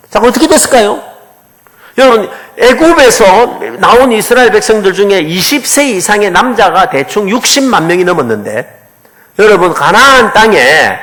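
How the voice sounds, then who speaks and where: Man, pastor, sermon, asks the congregation questions, very lively pitch.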